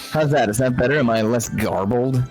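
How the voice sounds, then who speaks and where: A man's voice: mid-range voice, moderate pace, loud music behind the voice. A man chatting and joking as a player at a tabletop game, his microphone clipping and sounding blown out and garbled. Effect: clipping, blown-out distorted mic. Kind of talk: casual chat at a tabletop game.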